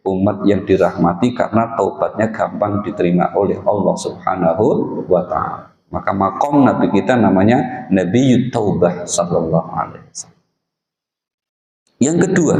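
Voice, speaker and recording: A man's voice: on the low side, vocal fry, a little mellow. A man preaching a dawn sermon in a mosque with an Indonesian accent, speaking to the men as "Pak" with folksy humor. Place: mosque hall. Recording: echoey hall with long reverb.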